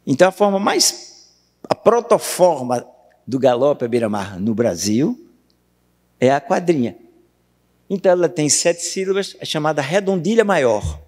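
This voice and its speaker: Lively Brazilian man lecturing in a hall. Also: on the high side. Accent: Brazilian Portuguese. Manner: questions the audience, recites verse slowly. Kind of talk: university lecture on poetry. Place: university auditorium. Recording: long hall reverb.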